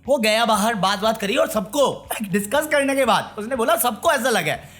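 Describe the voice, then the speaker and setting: A man's voice: extremely high pitch, expressive, moderate pace, fairly bright tone. A man giving a sarcastic, mocking rant as a reality-show commentary vlogger.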